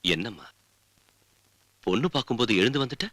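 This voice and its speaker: A man's voice: mid-range voice, expressive, fairly quick, fairly bright tone. An actor playing a stern middle-aged father who speaks in a coaxing yet commanding way with a Tamil accent. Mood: placating. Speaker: heroine's father. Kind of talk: film dialogue.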